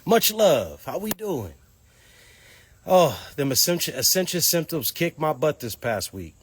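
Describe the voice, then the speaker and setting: A man's voice: fairly high pitch, sing-song, unhurried, slightly rough, no echo. Man, nasal and congested, casual livestream host, chatty, outdoors, dry close sound, phone livestream. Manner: loose, conversational, greets viewers by place. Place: outdoors near homes.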